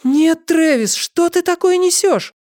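A man doing a high-voiced anxious young waitress. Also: moderate pace, a little mellow, close to an everyday voice. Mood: pleading. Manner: high falsetto, pleading.

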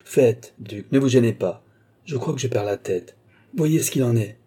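A man voicing a proud, quick-tempered noble countess in an audiobook, haughty and indignant. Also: medium pitch, warm tone, breathy edge. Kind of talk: audiobook character voice.

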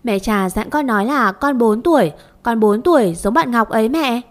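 A woman voicing a timid, sweet four-year-old girl who mumbles softly. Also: a little high, expressive, moderate pace, natural voice. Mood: timid childish. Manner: soft, mumbling childish talk.

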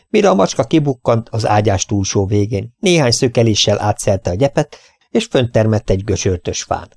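A man narrating a first-person audiobook story in a calm, even storytelling manner. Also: on the low side, no echo. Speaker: audiobook reader.

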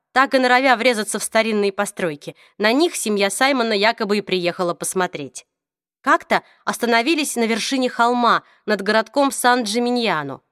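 Woman narrating a novel, slightly high. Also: a bit bright, no room sound, clean studio sound. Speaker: audiobook narrator. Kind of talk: scripted narration.

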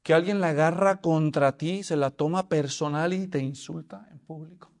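A man's voice: a little high, moderate pace. A man preaching a sermon, telling the story and asking the congregation questions. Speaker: pastor.

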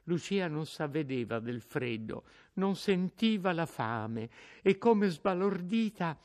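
A man narrating a classic novel as an audiobook in a slow, expressive reading. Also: a little high. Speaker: audiobook reader.

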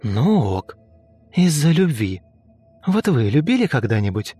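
A man's voice: big pitch swings, a little slow, warm tone, slightly rough, faint music behind, heavily acted. Man putting on a sulky young woman. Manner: snappish, slangy, rising to shrill sobbing. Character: sulky young woman, rude then tearful.

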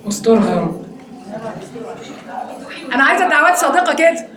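A woman with an Egyptian accent teaching an interactive Quran study lesson, quizzing her students in a quick, teasing way. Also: sits high, very animated, very echoey, crowd noise. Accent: Egyptian Arabic.

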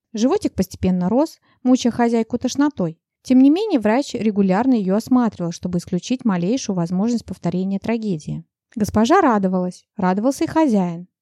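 A woman narrating a novel in the first person, with steady, measured storytelling. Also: mid-range voice, no room sound, studio quality. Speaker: audiobook narrator.

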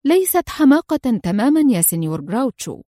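A woman's voice: a little high, very animated, fast, warm tone, dry recording, clean studio sound. A woman voicing a cold, mocking male police inspector in a read-aloud spy story. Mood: stern mocking.

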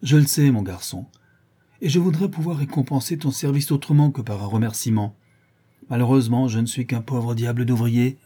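A man voicing a composed nobleman in disguise who speaks calmly and with authority. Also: mid-range voice, brisk, husky, lightly acted.

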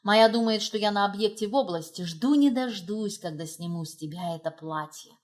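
A woman's voice: medium pitch, moderate pace, natural voice. Smug flirty cheating husband in an audiobook, read by a woman, lightly characterized.

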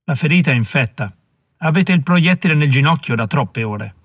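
A man's voice: fairly high pitch, animated, moderate pace, no room sound, clean studio sound. Grave, matter-of-fact army doctor, read by a male narrator.

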